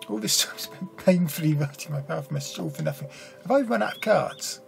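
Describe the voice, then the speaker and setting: A young man casually commentating as he plays a game, reading its text aloud and thinking out loud hesitantly. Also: a little high, fairly quick, vocal fry. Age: young adult. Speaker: gamer playing and commenting on a card game. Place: small room indoors at a desk. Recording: game music behind the voice. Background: game music.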